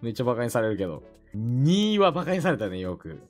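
A man from Mie Prefecture with a Mie dialect, chatting on a casual stream in an animated, rambling, jokey way. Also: medium pitch, fast talker, faint music behind. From Mie Prefecture, Japan.

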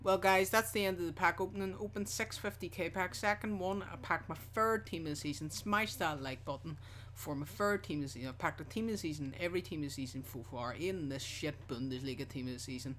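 A man's voice: a little high, fast, a bit bright, a little hiss or hum. A man hosting a gaming video, talking casually and directly to his viewers.

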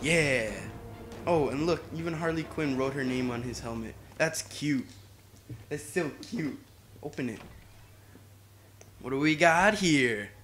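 A young man with a slightly high voice talks casually through a video game he is playing, with faint music behind him. He is playful and boastful and breaks into exclamations. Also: unhurried, long pauses, fairly bright tone. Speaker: gamer. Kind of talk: casual let's play commentary.

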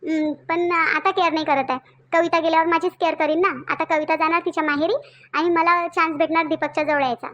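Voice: very high-pitched, flat delivery, fairly quick, a bit bright, lo-fi sound. Mohini, a gloating schemer. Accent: Vidarbha Marathi (Varhadi). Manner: gloating, self-satisfied monologue. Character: scheming young woman rival, gloating. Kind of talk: cartoon voice acting.

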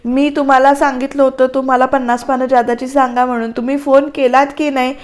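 A worried older mother from a TV soap, nagging her husband about every wedding task, read by a woman recapping it. The voice stays high and near the reader's own. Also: flat delivery, fast, lightly acted. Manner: nagging, reminding.

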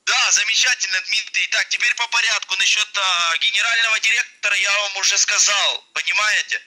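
A man's voice: high-pitched, a little fast, bright, forceful tone. A man on a phone call, condescending as he argues and insists he not be interrupted, heard over a landline. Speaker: caller posing as investment specialist. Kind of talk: heated phone argument.

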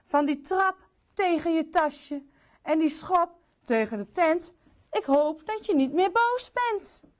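A woman's voice: extremely high pitch, animated, slow pace, pitched above the performer's own voice, exaggerated voice. A woman voicing a sulky, childish king in a storybook reading for children. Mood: apologetic. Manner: whiny, then apologetic.

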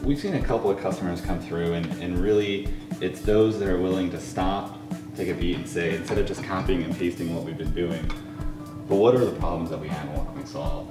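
A man's voice: low-pitched, a little fast, over music, poor audio. A man guesting on a casual cooking show in a home kitchen, talking with enthusiasm.

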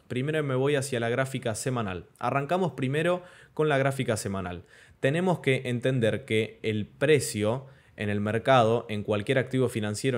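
Young male trading tutor, patient explainer on webcam, slows on key terms. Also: medium pitch. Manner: explanatory, checks in with "¿ok?" and "¿de acuerdo?". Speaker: crypto trading instructor. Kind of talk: screen-share chart tutorial. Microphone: webcam in corner of screen recording.

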